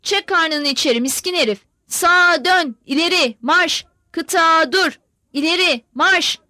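A woman voicing a male drill sergeant who yells short commands on the parade ground. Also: extremely high pitch, unhurried, no echo, studio quality, voice pushed up, full character voice. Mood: yelling. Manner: clipped, yelled commands.

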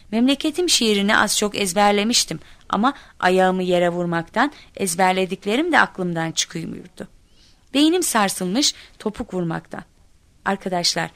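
Woman narrator, lively storytelling, mid-pitched voice, acts out the shouts, dry booth. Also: dry recording.

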